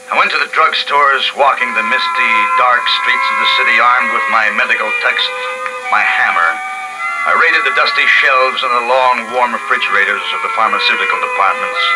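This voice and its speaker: In an old radio broadcast with music underneath and poor audio, a man with a medium-pitched, natural voice acts in a 1950s radio drama. He is both narrator and lead, playing a weary man and grave father who guides a handful of plague survivors. His somber, earnest, musing delivery carries their story.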